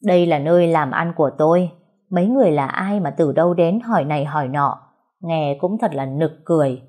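A greedy, scheming brothel madam who alternates between flattery and haughtiness, put on by a woman. Her tone is low and husky. It is storybook narration. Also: brisk. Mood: haughty. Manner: fawning yet haughty, wheedling.

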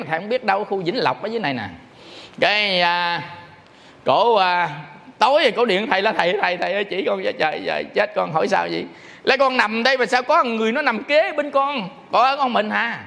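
A Buddhist monk giving a sermon, animatedly telling stories and acting out phone calls. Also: male voice, high voice, creaky, sharp tone. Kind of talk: sermon with storytelling. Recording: long hall reverb.

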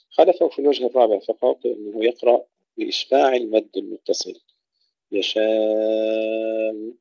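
Guy teaching quran recitation, dark husky voice, stretches words out slow when he recites. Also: on the low side, dry recording, dull audio. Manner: explains rules then recites words slowly, drawing out vowels. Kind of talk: tajweed lesson with recitation examples.

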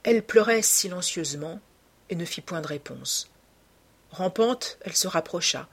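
A woman narrating a classic novel in a measured, hushed storytelling manner, with a husky voice. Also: fairly low pitch, animated. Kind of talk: literary audiobook narration.

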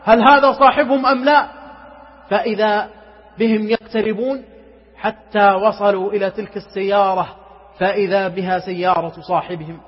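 High-voiced preacher in an echoing hall. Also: male voice, fairly even intonation, moderate pace, slightly rough. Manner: dramatic, rises to impassioned pleading; chants Quran verses melodically. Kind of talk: emotional sermon with storytelling. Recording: muffled recording with long hall reverb.

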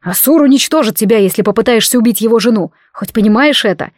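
A woman voicing an earnest, protective male hunter in an audiobook reading, urgent and calming by turns. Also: a little high, fast talker, no room sound, studio quality, natural voice.

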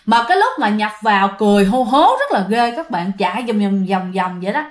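A woman's voice: mid-range voice, big pitch swings, fairly quick. A woman with a Southern Vietnamese accent, telling ghost stories in a chatty way, often addressing her listeners. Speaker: storyteller and channel host. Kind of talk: casual ghost-story narration.

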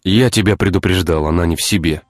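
A man voicing a brash young man who talks in a brisk, teasing way. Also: low voice, no echo, studio quality, natural voice. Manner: brisk, teasing, sometimes syrupy.

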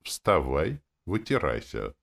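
A man's voice: extremely low pitch, wildly swooping pitch, slow pace, gravelly, a bit bright, heavily acted. A man voicing a cocky, foul-mouthed young spirit companion who teases and swears in an audiobook. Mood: mocking. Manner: teasing, crude swearing.

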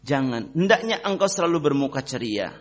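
A man preaching a sermon to his brothers in faith, lively, swinging between loud emphasis and quiet asides, often asking the audience questions. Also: mid-range voice, fairly quick. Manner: addresses listeners as brothers, asks questions.

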